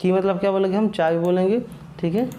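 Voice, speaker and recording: High-voiced man teaching vocabulary. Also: fairly even intonation, quick pace, mellow, a little hiss or hum. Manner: repetitive, quizzing himself with questions and answers; casual, self-correcting. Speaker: online English vocabulary teacher. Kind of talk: classroom vocabulary lesson.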